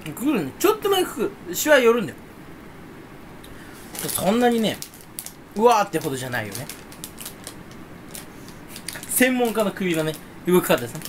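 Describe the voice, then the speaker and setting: A young man in a casual solo vlog, rambling and self-mocking, sometimes mimicking others in a higher voice. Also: very animated, normal speed, long pauses, a little hiss or hum. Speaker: vlogger. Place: room indoors.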